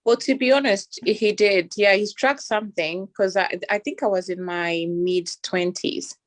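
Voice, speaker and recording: A woman, a podcast co-host, talking candidly and a little haltingly in a casual chat. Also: mid-range voice.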